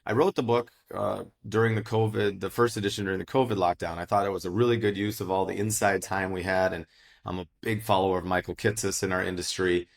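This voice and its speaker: Deep gravelly middle-aged man. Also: fairly even intonation, quick pace. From United States. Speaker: financial advisor guest. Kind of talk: casual interview answers.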